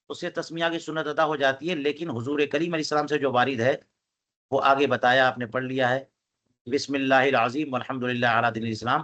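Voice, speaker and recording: A man with a somewhat high voice teaching a classical religious text. He reads Arabic passages aloud and explains them line by line, stopping often to put questions to his students. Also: a bit bright.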